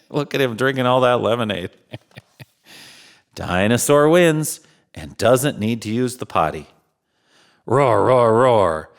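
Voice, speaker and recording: As a playful storytime host, a man reads a picture book aloud to young children, chuckling and addressing them like friends. His medium-pitched voice is animated, moving at a measured pace with long pauses.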